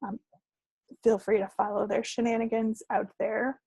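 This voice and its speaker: On a casual at-home podcast recorded over an online call, this woman co-hosts in a chatty, playful way, yet with a flat delivery. Her voice is on the high side, mellow and husky, at normal speed, in a dry recording.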